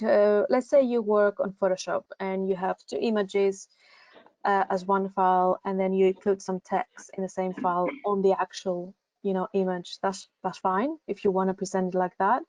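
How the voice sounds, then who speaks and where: A Greek woman from Greece, speaking English as a second language with a Greek accent, gives casual advice at a university recruitment session. Her medium-pitched voice is steady, slightly mellow, and moderately paced, with no echo. She hesitates often, using many fillers and restarting sentences.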